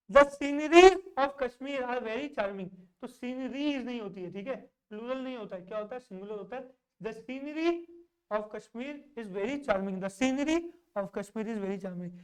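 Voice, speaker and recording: Female teacher, a bit high-pitched, drills grammar by asking and answering her own questions. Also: clear, resonant tone, poor audio. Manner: asks questions and answers them herself, reads examples slowly. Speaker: English teacher. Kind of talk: classroom grammar lesson.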